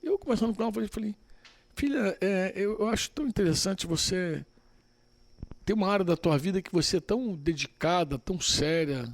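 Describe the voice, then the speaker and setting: A man's voice: high voice, a little fast. A man preaching in a conversational way, quoting the people in his stories. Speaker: pastor. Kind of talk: sermon.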